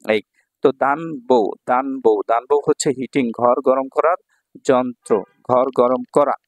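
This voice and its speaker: A man's voice: mid-range voice, no echo. A man from Bangladesh teaching a Japanese kanji lesson, patiently repeating each reading and meaning.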